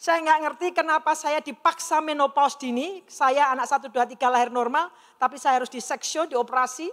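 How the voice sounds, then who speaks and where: A middle-aged woman tells her personal story earnestly to a large-hall audience in a high, fairly bright voice, fairly quick and with fairly even intonation. She voices the dialogue she quotes, and the recording carries the hall's long reverb.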